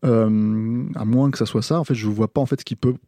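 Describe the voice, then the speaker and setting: A man who is a film critic on a podcast, talking through a review in a casual, halting way with frequent restarts and hesitations. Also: on the low side, steady tone, warm tone, no room sound.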